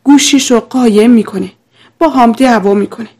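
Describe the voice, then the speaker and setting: A woman with a darkish, rather high voice plays a distraught young wife, pleading through her tears.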